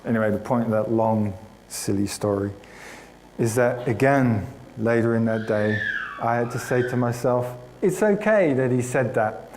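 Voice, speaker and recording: Male pastor, mid-pitched voice, chatty storytelling sermon, self-mocking, light background noise. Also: normal speed, a little mellow, poor audio. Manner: chatty, self-mocking storyteller who addresses the congregation by name. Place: church hall.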